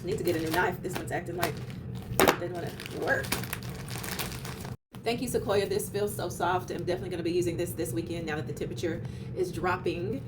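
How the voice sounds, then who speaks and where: A woman's voice: on the low side, steady tone, a little fast, long pauses. A woman, talking effusively and casually to viewers as a notary vlogger. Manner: chatty and effusive, talks straight to viewers. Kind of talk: casual vlog talk to camera. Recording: noisy background.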